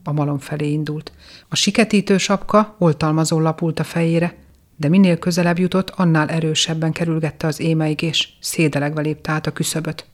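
A narrator giving a measured, expressive storybook reading of a fairy tale. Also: mid-range voice.

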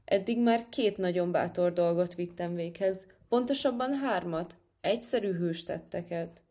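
A woman's voice: on the low side, warm tone, lightly acted. A woman voicing a boastful young male field hare who proudly shows off. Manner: proud, showing off.

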